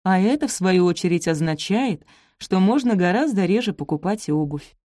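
A woman's voice: fairly low pitch, animated, moderate pace, dark tone, no echo, studio quality. A woman voicing a timid, polite young servant woman who placates and stammers in an audiobook. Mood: placating.

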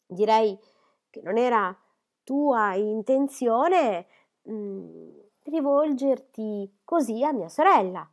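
A woman voicing gentle, timid Miss Phoebe. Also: on the high side, expressive, takes it slowly, pitched above the performer's own voice. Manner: mild, hesitant. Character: timid, gentle older spinster sister, peacemaking.

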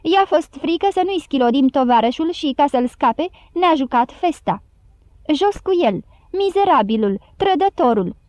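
A woman doing a shouting town crowd. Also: sits high, no room sound, pitched above the performer's own voice. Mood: angry. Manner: shouting, excited.

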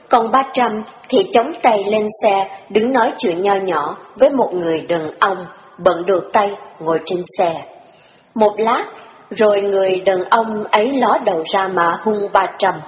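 A woman narrating an audiobook in steady, even storytelling. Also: medium pitch, normal speed. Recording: dull recording with long reverb.

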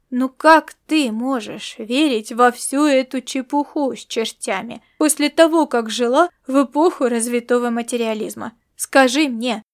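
A woman voicing a patient young man in an audiobook, soothing his grandmother with calm, gently mocking words. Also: on the high side.

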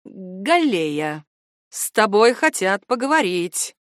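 A woman voicing a calm, persistent male AI assistant who speaks in a measured, soothing way. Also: medium pitch, dry recording, clean studio sound. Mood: calm, insistent.

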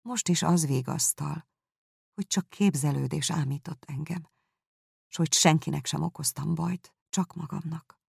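A woman reading a novel aloud, voicing a gentle, forgiving young woman in a soft, pleading manner. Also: sits low, creaky, slightly rough, no room sound, clean studio sound, full character voice.

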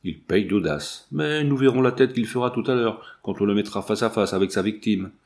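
A man's voice: expressive, darkish tone. A man voicing a smug, boastful painter who brags about his own importance. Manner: boastful, slow and low.

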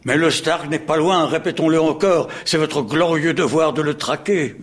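A man's voice: on the high side, moderate pace, husky. A man playing an impatient, blustering ship captain in a French radio drama, declaiming with emphasis. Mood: rousing.

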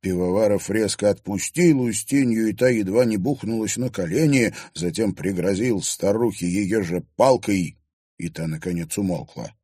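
A man narrating an audiobook in an expressive, measured way. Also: fairly low pitch, husky, no echo, studio quality. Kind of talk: scripted narration.

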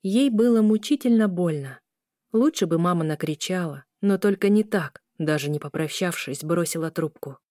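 A woman narrating an audiobook in a calm, even manner. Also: fairly low pitch, normal speed, dry recording, clean studio sound.

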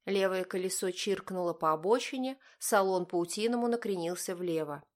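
Lowish female audiobook narrator. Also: normal speed. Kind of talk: scripted narration.

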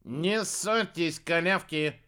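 A man voicing a giant, tired flying beast who speaks slowly and firmly. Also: fairly high pitch, bright, forceful tone, clear, resonant tone, pitched above the performer's own voice. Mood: weary. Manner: tired, slow and firm.

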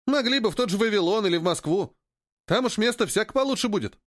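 A man's voice: sits high, animated, fast talker, no echo, clean studio sound, pitched above the performer's own voice. A man voicing a thin, stooped young male trader who keeps complaining. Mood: grumbling. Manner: whiny, complaining.

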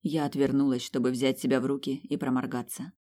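A woman's voice: rumbling low, flat delivery, a little fast, warm tone. A woman narrating a novel in the first person, with an emotive delivery that rises on exclamations and quoted lines. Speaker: audiobook narrator.

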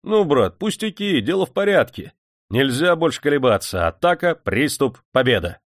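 A man's voice: a little high, sing-song, normal speed, no room sound, studio quality, pitched above the performer's own voice. A man doing a jovial young guardsman. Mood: hearty. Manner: loud, hearty, commanding.

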